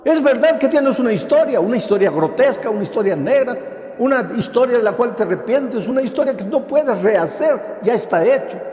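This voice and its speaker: A man's voice: extremely high pitch, expressive, a little fast, a little mellow. An older man, a pastor, preaching a sermon with emphatic repeated phrases. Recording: echoey hall.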